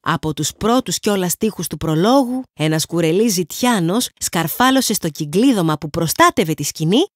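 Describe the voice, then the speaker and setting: A woman from Greece reading a children's audiobook in lively, expressive scripted narration. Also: on the low side, no room sound. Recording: dry close studio sound.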